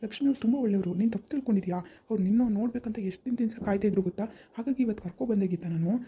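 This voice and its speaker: A woman's voice: mid-range voice, warm tone, slight background noise, natural voice. A woman playing a man in an amateur village drama: a loyal friend and stern husband who scolds his wife and pleads with her. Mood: pleading. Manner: scolding, pleading, fast and insistent.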